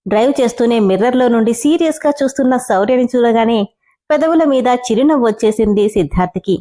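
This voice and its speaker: A woman reads a story aloud in an expressive, lively way, shifting into different voices for the characters. Her voice is a little higher than most women's. It has a mellow, warm tone. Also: fast talker. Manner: expressive, switching between voices. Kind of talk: narrating a story and voicing its characters.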